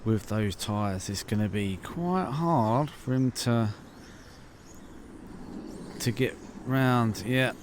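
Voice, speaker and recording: A man's voice: mid-range voice, slow, pauses often. A man chatting casually as he films remote control car racing outdoors at a track, thinking aloud as he goes. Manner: chatty, informal, thinking aloud while filming. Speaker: RC channel host at a race track. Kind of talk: casual vlog commentary. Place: outdoor RC race track in the evening. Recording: noisy outdoor camera audio. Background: RC cars and track ambience.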